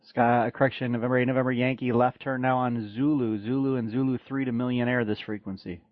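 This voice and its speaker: A man's voice: mid-range voice, flat delivery, fast, dry recording. A man working as an air traffic controller, speaking in procedural radio style on dull, lo-fi audio.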